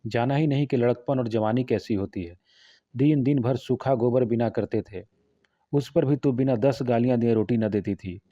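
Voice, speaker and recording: Rich: A hot-headed young villager, bitter and threatening, as a male reader voices him. Dark, mellow tone with a dry, close, slightly dull sound. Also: medium pitch, normal speed, no echo, lightly acted.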